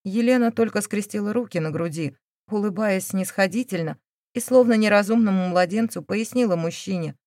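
Woman narrating a book, steady expressive read, mid pitch, dry close mic. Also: a little fast, no room sound. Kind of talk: audiobook narration.

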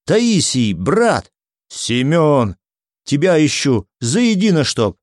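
A man voicing a bold young townsman who shouts urgent warnings in a raised voice. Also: a little high, sing-song, slow, no echo, clean studio sound. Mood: glad. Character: young brawny male townsman, bold and agitated.

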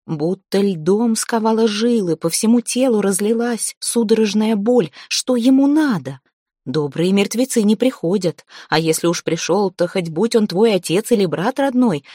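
A woman reading a dark folk-tale novel aloud as an audiobook, in steady, measured narration. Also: lowish voice, dry recording, studio quality.

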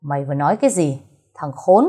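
A woman's voice: low-pitched, fairly quick, darkish tone. Woman voicing a cold hot-tempered man. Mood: furious. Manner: curt and cold, barking when angry.

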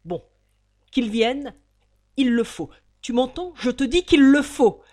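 A woman voicing a fat, greedy male banker who shouts in breathless panic about losing his money. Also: high-pitched, animated, a little fast, pitched above the performer's own voice. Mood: frantic.

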